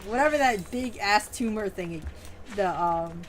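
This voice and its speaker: A young woman doing casual game commentary as a streamer. She is slangy, foul-mouthed and teasing, at an average pitch. There is faint noise in the background. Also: lively intonation, unhurried.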